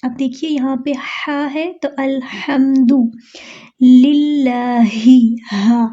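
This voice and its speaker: A woman teaching Quran recitation, chanting verses slowly and drawn out, then explaining pronunciation patiently. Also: sits high, little pitch movement, dark tone, dull audio.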